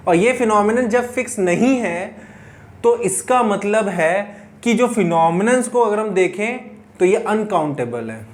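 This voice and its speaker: High-voiced man teaching physics by story. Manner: storytelling with frequent check-ins like "ठीक है"; asks and answers his own questions. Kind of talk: classroom lecture explaining by story.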